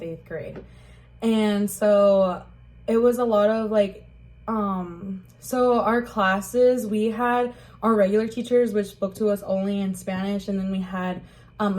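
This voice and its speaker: In this casual interview, a young Rockford, Illinois, USA native looks back on her life, stumbling a little and leaning on fillers such as "like" and "um." Her voice sits in the middle range with a somewhat dark tone.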